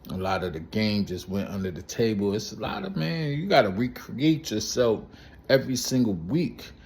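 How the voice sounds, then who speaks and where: A man with a New York accent, from Brooklyn, talking loosely to camera in a rambling street-talk vlog, filling every pause with "you know what I'm saying". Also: lowish voice, a little mellow, a little hiss or hum. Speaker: vlogger. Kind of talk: casual street-talk monologue.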